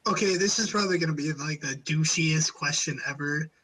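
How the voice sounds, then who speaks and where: A man hosting a podcast in casual chat, with a fairly high voice. He rambles and swears a lot as he talks. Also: brisk, sharp tone, a little hiss or hum, low-quality recording. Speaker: podcast host.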